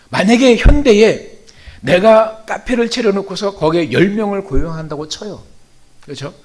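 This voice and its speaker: A male pastor with a fairly high voice preaching in a lively, storytelling manner. He talks to the congregation conversationally, often pausing on "uh" and posing rhetorical questions that he answers himself. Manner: animated, conversational, many "uh" fillers and rhetorical questions. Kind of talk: storytelling sermon.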